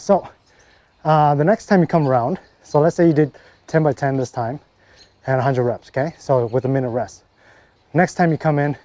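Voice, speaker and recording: A man giving casual workout instruction as a fitness coach, relaxed and full of fillers and "okay, right?" check-ins. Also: medium pitch, muffled recording. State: briefly out of breath after a set.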